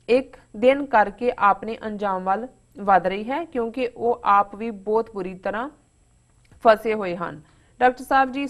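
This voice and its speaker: A woman co-host reads a viewer's letter aloud on air in an earnest, measured way. Her voice sits in a middle range. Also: medium pitch.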